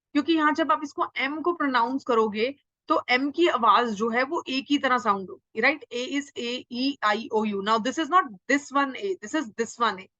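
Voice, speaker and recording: High, bright-voiced woman teaching English. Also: dry recording, lo-fi sound. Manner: explains step by step, asks and answers her own questions; mixes English words into Hindi, repeats "theek hai" often. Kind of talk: recorded classroom lecture.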